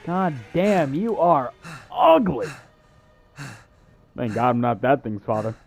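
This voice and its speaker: Game music and sounds run beneath a young man's sing-song, gravelly, medium-pitched voice as he slowly works through a video game. His walkthrough commentary is casual and sarcastic, peppered with crude jokes.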